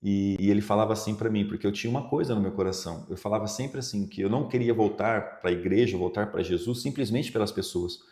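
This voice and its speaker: A man's voice: lowish voice, quick pace, hardly any pauses, darkish tone. A middle-aged man with a Brazilian Portuguese accent from São Paulo, a pastor giving a personal testimony in a podcast interview, telling it with feeling and quoting himself and others. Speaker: pastor, guest. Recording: echoey room.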